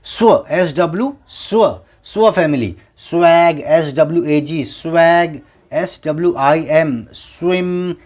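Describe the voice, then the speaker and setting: A man teaching English phonics in a slow classroom lesson, spelling each word out letter by letter and repeating it. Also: on the high side, a little mellow. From India.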